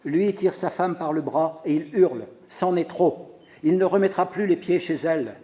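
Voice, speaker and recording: A man reading a literary text aloud in a measured, even way. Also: a little high. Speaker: reader.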